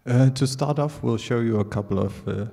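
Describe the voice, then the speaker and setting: On a big theatre stage, a middle-aged man from Denmark, an artist, delivers a prepared conference talk through a handheld microphone. His mid-range voice is mellow and gravelly, his delivery halting, and the hall echoes.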